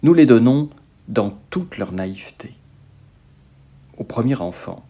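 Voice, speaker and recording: A man reading a religious book aloud as scripted narration, in a measured, expressive way. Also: mid-range voice, slightly rough. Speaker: audiobook reader.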